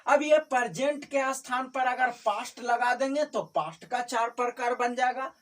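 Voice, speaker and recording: In a tuition classroom, a female tutor with a fairly high voice speaks at a moderate pace. She repeats every term and often checks her students keep up, recorded from a distant mic amid faint background noise.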